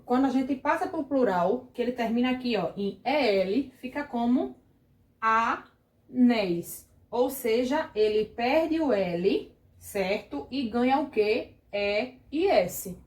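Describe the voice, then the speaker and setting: Slow, patient Brazilian woman teacher. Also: on the high side, animated, a little mellow, echoey room. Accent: Brazilian Portuguese. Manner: patient, asks the class questions and checks with "certo?". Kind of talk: grammar lesson for children.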